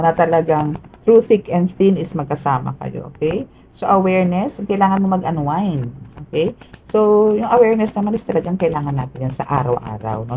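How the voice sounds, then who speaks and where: A woman's voice: low voice, warm tone, slight background noise, low-quality recording. A woman giving a casual tarot reading, chatty and often checking in with the listener. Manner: chatty, peppers talk with "no?" and "okay?". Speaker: tarot reader.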